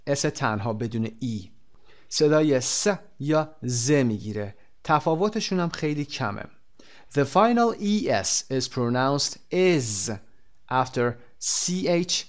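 A male teacher giving a classroom language lesson, explaining in Persian and reading English example words slowly and clearly. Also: medium pitch.

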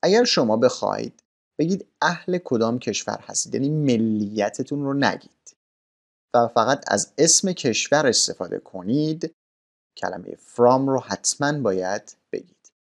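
A man teaching a recorded English lesson in a slow, formal, explanatory way. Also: mid-range voice, lively intonation, gravelly.

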